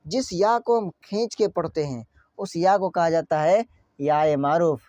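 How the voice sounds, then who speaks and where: A man's voice: a little high, expressive, a little slow, darkish tone, no echo. A man teaching an online grammar lesson, stretching out example words and asking his students questions again and again.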